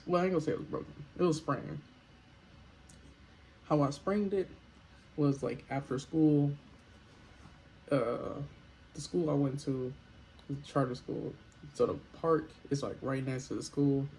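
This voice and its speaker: A man's voice: on the high side, steady tone, a little slow, pauses often, darkish tone, slight background noise, low-quality recording. A young man casually telling a storytime vlog in a laid-back, slangy way with joking asides. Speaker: vlogger.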